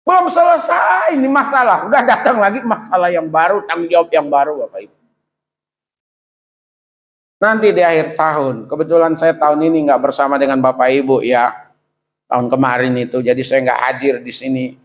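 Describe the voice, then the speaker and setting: High-voiced man preaching with sweeping pitch swings. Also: fairly even intonation, a little fast, poor audio. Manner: swings between high pleading exclamations and low quiet asides; addresses the congregation directly with rhetorical questions. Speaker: pastor. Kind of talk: sermon.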